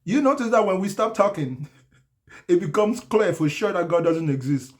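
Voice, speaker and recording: A man hosting a live call-in talk show, brash and animated, laughing often as he riffs on callers. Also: high voice, normal speed. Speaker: host. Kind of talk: casual live call-in chat.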